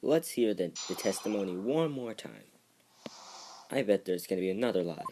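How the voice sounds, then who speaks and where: A man's voice: low voice, lively intonation, normal speed, noisy background. A man giving casual, joking commentary while he plays through a video game. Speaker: let's play commentator.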